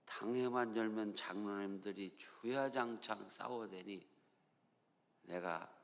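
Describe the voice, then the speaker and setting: A man's voice: fairly low pitch, slow, vocal fry, long reverb tail. A male pastor with a Chungcheong accent, preaching a sermon in a folksy, storytelling way in a church. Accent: Chungcheong Korean. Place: church sanctuary.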